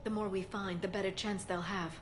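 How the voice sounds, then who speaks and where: A woman plays a thoughtful female alien scientist in a game, calm and careful. Her mid-range voice stays measured and hopeful, and clear noise runs under the game audio. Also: medium pitch, lightly acted. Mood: earnest.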